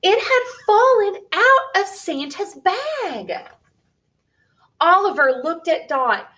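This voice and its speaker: A very high-pitched woman reads a children's picture book aloud, storyteller-style, with a deliberate and expressive manner.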